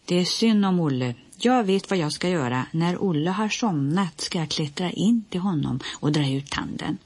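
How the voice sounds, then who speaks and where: A woman's voice: lowish voice, expressive, darkish tone, slightly rough. A woman voicing a cocky, bossy young boy who teases his friends. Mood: teasing bossy. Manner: brash, teasing.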